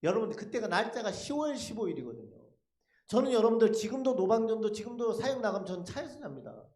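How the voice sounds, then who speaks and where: A man with a high voice and big, lively swings in pitch tells his testimony at a church service like a dramatic story. He keeps throwing rhetorical questions at the congregation. His voice rings through a roomy, echoey church. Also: fast. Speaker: lay speaker giving a testimony. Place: church sanctuary.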